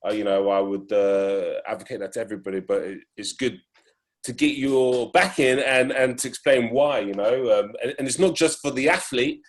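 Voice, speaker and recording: A man's voice: medium pitch, normal speed. Laid-back male podcast host. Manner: laid-back, hesitant, lots of fillers. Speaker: podcast host and fight coach. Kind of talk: casual podcast interview.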